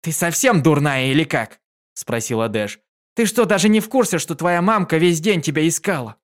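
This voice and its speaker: A man voicing a brash tomboy pegasus mare with a husky voice in an audiobook reading. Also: fairly high pitch, moderate pace, pitched above the performer's own voice, lightly acted. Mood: excited.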